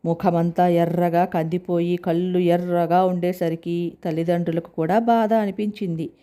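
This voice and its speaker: A woman narrating a family story aloud in a steady, plain storytelling manner. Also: lowish voice, moderate pace, smooth.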